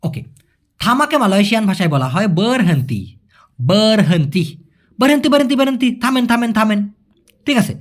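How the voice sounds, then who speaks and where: A man from Bangladesh teaching a language lesson. He explains patiently, says each word slowly more than once and stops to check that listeners follow. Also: high voice, big pitch swings.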